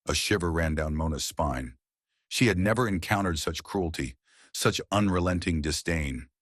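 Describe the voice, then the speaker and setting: A man narrating a romance story in a measured, dramatic storytelling manner. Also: deep voice, lively intonation, no room sound, studio quality.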